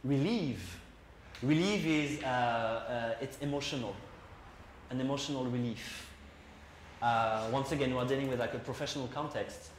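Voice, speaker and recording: A man's voice: mid-range voice, a little slow. A male English teacher talks his class through a lesson, explaining at length and tossing questions out to the students. The recording carries a roomy classroom echo with a faint hum of background noise.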